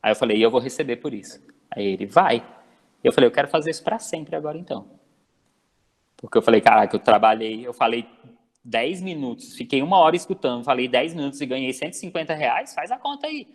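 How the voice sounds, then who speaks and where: A man's voice: mid-range voice, fast. A middle-aged man, telling a story in a casual talk and acting out the dialogue. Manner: animated, acts out quoted dialogue. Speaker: guest speaker.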